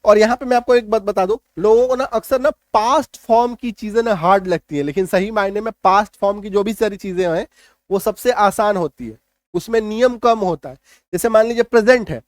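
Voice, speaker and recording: A man, an English teacher patiently explaining vocabulary in a lesson and often checking if it is clear. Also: high voice, brisk, no echo, clean studio sound.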